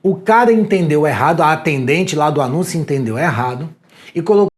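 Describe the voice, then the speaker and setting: Male exam prep teacher, Brazilian accent, animated and slangy delivery, very lively melody. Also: a little high, fairly quick. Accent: Brazilian Portuguese. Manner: animated, slangy, talks straight to the viewer. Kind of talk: energetic video lecture.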